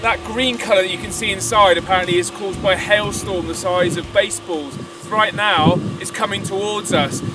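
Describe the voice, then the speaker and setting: A man's voice: high voice, fairly even intonation, moderate pace, few pauses. A man presenting a storm-chasing video diary on location, speaking off the cuff and reacting as he goes. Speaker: presenter reporting on a storm chase. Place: outdoors by the road and inside a car. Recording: loud music, outdoor and car noise, distant mic.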